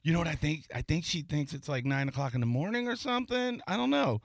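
A man's voice: a little high, animated, fast, creaky, dry recording. A man hosting a radio show, chatting and joking offhand with callers and his co-host. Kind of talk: morning radio banter. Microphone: studio microphone.

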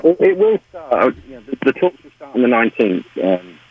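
A man's voice: mid-range voice, wildly swooping pitch, brisk, vocal fry. A British man calling into a talk show on a crackly phone line that fades in and out, talking hesitantly and often saying "like I say". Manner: hesitant, restarts often, repeats "like I say". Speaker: caller. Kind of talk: phone-in chat. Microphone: phone handset. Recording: muffled dry phone call.

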